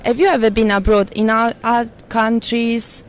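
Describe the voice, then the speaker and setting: A woman with a slightly high voice asks passers-by questions in a friendly, reassuring way. She keeps things light and encouraging. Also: level tone, moderate pace, crowd noise. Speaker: interviewer. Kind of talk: street interview questions.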